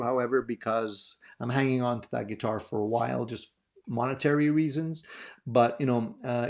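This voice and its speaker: A man's voice: medium pitch, darkish tone. A man hosting a gear video channel, talking casually to camera as he answers viewer questions, easygoing, with frequent fillers and restarts. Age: adult over thirty. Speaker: guitar gear channel host.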